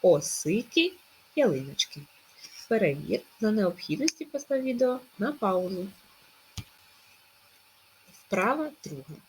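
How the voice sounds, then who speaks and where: A middle-aged woman teacher giving a recorded remote lesson to children. She pronounces words slowly and with stress, one by one, as if dictating. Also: mid-range voice, big pitch swings, a little hiss or hum. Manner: slow, stressed word-by-word dictation. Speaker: primary school teacher.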